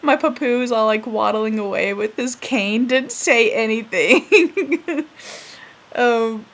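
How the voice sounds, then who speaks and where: Soft-spoken young woman, halting and casual. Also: on the high side. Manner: soft-spoken, hesitant, full of fillers and self-corrections; laughs while recalling funny moments. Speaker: vlogger. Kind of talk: casual storytelling to camera.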